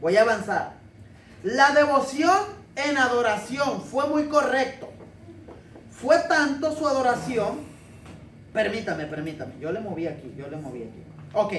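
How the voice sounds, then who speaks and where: Man preaching a joking sermon, roomy. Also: very high voice. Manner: joking, conversational preaching with rhetorical questions. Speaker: pastor. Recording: roomy, distant mic, faint noise.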